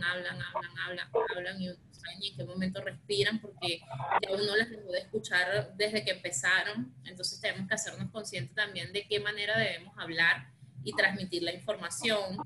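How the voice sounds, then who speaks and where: Bright-voiced woman teaching. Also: mid-range voice, a little hiss or hum, poor audio. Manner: explanatory, many fillers and restarts. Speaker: director presenting a training session. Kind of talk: training talk on negotiation.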